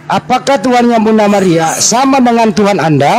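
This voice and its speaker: A man with a notably high voice presses his point in a heated debate. He repeats the same question over and over and talks over his opponent until he gets an answer. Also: animated, a little fast, a crowd in the background, low-quality recording.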